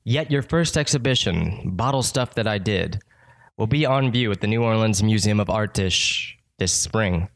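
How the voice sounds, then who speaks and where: Deadpan guy hosting a radio bit, lowish voice, dry close sound. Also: normal speed, no echo. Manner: deadpan, dry formal phrasing. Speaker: radio host. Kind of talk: deadpan comedic radio interview.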